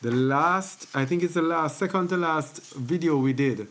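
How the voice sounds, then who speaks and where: A man's voice: on the high side, fairly bright tone. A man hosting a religious teaching video, speaking casually and repeating points for emphasis. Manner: slow, conversational, repeats phrases for emphasis. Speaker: host of a faith teaching channel.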